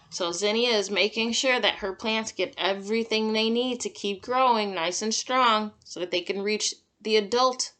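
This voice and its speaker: A woman with a medium-pitched, slightly bright voice reads a picture book to young children. As a kindergarten teacher, she sprinkles in simple encouraging comments and questions as the story goes.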